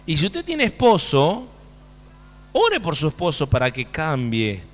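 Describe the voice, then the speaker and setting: Pastor, male, high lively voice, preaching in a reverberant church hall. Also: measured pace. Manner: animated preaching with rhetorical questions to the congregation. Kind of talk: sermon.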